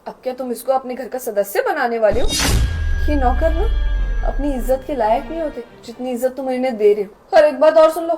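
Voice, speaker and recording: A haughty young woman, played by an actress, who scolds and sneers at the poor in a shrill, very high voice. She speaks in a melodramatic web skit style, with faint music under her lines. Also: a little fast, close to an everyday voice. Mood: scornful. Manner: scolding, contemptuous, shrill outbursts. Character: snobbish, scornful young woman, rude to the poor. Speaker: actor in a short skit.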